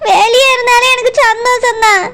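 A woman's voice: very high-pitched, fairly even intonation, normal speed, sharp tone, full character voice. A woman voicing a tearful, pleading young village wife in a cartoon, with a Tirunelveli Tamil accent. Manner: sobbing, pleading. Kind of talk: cartoon voice acting.

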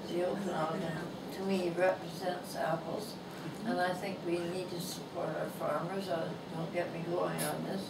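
Slow, gentle, and amused, an author in her nineties from Canada reads her humorous essay aloud inside a bookstore. She has a thin, fairly low-pitched voice without much strength. Filmed from across the room with a lapel mic, the recording picks up distant, echoey shop sound and background noise.

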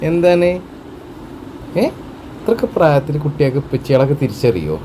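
A man, cooing gentle baby talk to an infant beside a bed indoors. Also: a little high, very animated, fairly quick, slight background noise, low-quality recording. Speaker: vlogger, father figure to the baby.

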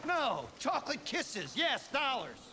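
A man's voice: very high-pitched, wildly swooping pitch, slow, noisy background, full character voice. A middle-aged man playing a shady, brash con-man Santa in a film comedy, with a slangy, theatrical, sarcastic delivery.

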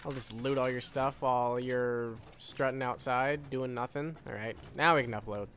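With a steady tone and normal speed, a male gaming YouTuber offers casual live commentary, asking himself questions under his breath and swearing mildly. His mid-range voice is a bit bright. Slight background noise and faint video game sound accompany his talk.

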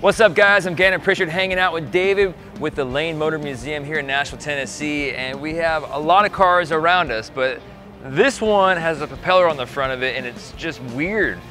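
A man's voice: a little high, brisk, pushed and bright, soft background music. Upbeat young man hosting a car show. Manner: enthusiastic, laughs often. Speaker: host. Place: large museum hall indoors.

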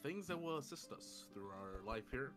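A man banters through a gaming session, teasing his partner, and his voice swings up and down with lively energy. Clear game music plays steadily behind him. He talks at a mid-range pitch. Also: moderate pace. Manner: teasing and animated. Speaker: co-player, the streamer's boyfriend.

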